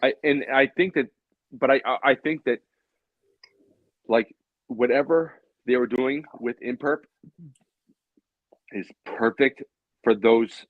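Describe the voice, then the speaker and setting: A man in his late thirties, co-hosting a beer hangout show, chats casually in a rambling way, repeating phrases for emphasis. His voice sits at medium pitch and moves slowly with frequent pauses. The audio has phone-like quality and no room sound.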